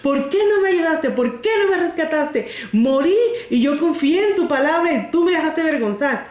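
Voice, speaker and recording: A stubborn old lady, high and insistent, who says the same thing again and again, as a woman storyteller puts her on. The voice sits well above a normal speaking pitch. The room around it is echoey. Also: a little fast, darkish tone, close to an everyday voice. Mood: indignant. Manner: insistent, repeating herself.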